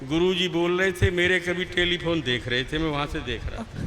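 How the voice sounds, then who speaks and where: With a fairly high, pushed and bright voice, an older man entertains a poetry gathering, chanting funny verses on a stage microphone and engaging listeners with rhetorical questions. There's a little noise in the background.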